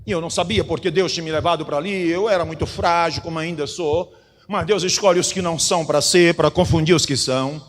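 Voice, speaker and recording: High-voiced fervent male preacher in a hall. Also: fairly even intonation, fairly quick. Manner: fervent preaching, swinging from loud declarations to quiet testimony. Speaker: pastor. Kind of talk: sermon. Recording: long hall reverb.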